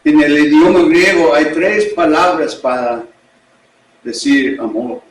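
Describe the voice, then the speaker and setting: Man, English accent, pastor's sermon, slow delivery, fairly high voice, echoey room, distant mic. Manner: slow, deliberate preaching in a learned second language.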